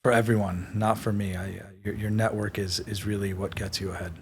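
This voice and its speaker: Low flat guy, real estate exec guest on a podcast, lots of ums, a bit of hiss behind. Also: a little fast. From born in Israel, raised in New York. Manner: hesitant, many fillers and restarts, modest. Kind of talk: podcast interview.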